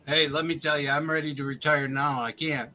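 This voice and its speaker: A man's voice: a little high, little pitch movement, a little fast, bright, forceful tone, low-quality recording. A man in his fifties in a casual chat, joking and going into detail. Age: 50s. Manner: joking, chatty, detailed about his finds.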